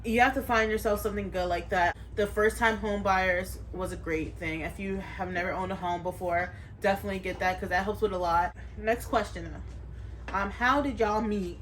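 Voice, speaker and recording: A woman originally from the Bronx co-hosts a relaxed Q&A, agreeing readily and laughing often. Her pitch sits in the middle range. A faint hiss runs under her voice. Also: normal speed. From the Bronx, New York. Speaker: co-host. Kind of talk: casual Q&A chat.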